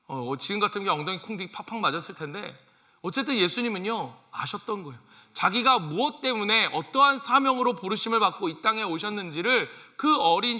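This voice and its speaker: A male pastor preaching a sermon, asking the congregation questions and acting out lines from his family life. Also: high-pitched. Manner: animated, asks the congregation questions, acts out family quotes.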